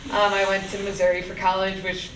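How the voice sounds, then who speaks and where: Young woman from buffalo, friendly easygoing intro, pretty monotone, echoey room far off. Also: mid-range voice, brisk. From Buffalo, New York. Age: 20s. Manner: breezy and friendly. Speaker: AmeriCorps volunteer. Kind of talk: casual self-introduction. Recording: echoey room, distant mic, background noise.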